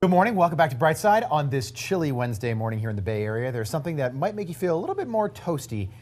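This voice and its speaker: Deep-voiced woman news anchor, lively swoopy intonation, chatty and cheerful. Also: fast, faint music behind. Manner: cheerful, conversational. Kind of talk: morning news segment hosting.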